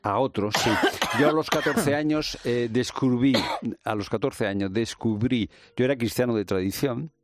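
A man's voice: medium pitch, normal speed, soft background music. A man with a light Andalusian Spanish accent, a guest in a radio interview, talking hesitantly with many fillers and restarts. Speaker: guest journalist and documentary maker.

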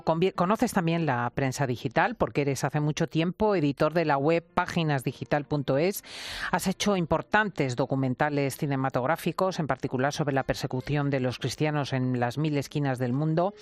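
A woman hosting a radio interview, asking measured, poised questions. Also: sits low, dry recording.

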